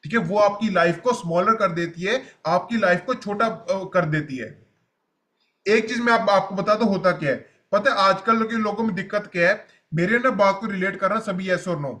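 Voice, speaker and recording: A man's voice: sits high, moderate pace, fairly bright tone. A man coaching a live group session on health, blunt and repetitive, speaking straight to his listeners.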